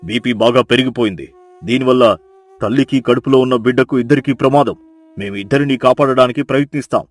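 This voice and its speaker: A man voicing a serious hospital doctor in an animated storybook, speaking in a grave, measured way. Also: medium pitch, dry recording, lightly acted.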